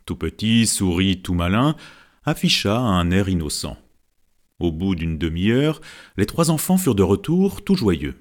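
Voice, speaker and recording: A man narrating a novel chapter as an audiobook reader, with animated, expressive reading. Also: low-pitched, unhurried. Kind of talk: scripted narration.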